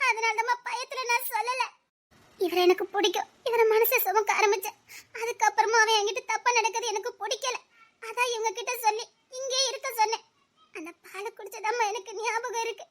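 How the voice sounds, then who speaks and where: A woman's voice: very high voice, fairly bright tone. A woman voicing a frightened young heroine in a cartoon, pleading and close to tears. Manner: pleading, tearful. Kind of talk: cartoon voice acting.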